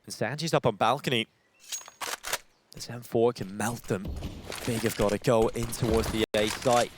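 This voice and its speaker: A man's voice: mid-range voice, steady tone, normal speed, noisy background. A man working as an esports caster, calling live play-by-play in dramatic, punchy short phrases. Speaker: esports commentator. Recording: game gunfire and clicks behind voice. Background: game gunfire and clicks.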